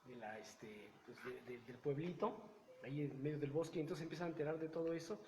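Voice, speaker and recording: Man co-host, mellow higher voice, story recap, echoey room. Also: fast. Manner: retelling a story with many restarts. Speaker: book club co-host. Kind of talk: casual book chat. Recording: echoey room with faint noise.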